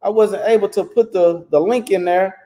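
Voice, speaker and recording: A man hosting a casual livestream interview, animated and repeating his words as he hypes the audience. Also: high voice, moderate pace. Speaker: host. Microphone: phone.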